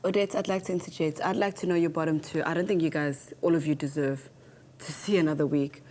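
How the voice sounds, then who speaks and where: A woman's voice: low-pitched, fairly even intonation, fast talker, darkish tone, a little hiss or hum. A woman acting as a talent show judge, speaking in a blunt, demanding manner.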